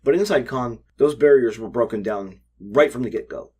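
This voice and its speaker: A man's voice: medium pitch, normal speed, warm tone, slightly rough. A man in his forties co-hosting an unscripted convention chat, telling rambling, jokey stories. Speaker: podcast co-host.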